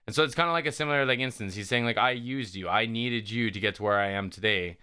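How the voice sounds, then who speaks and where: A man's voice: fairly low pitch, quick pace, sharp tone, smooth. A man hosting a reaction video, musing aloud in a laid-back way and saying "like" and "man" a lot. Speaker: YouTube reaction host. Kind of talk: casual reaction commentary.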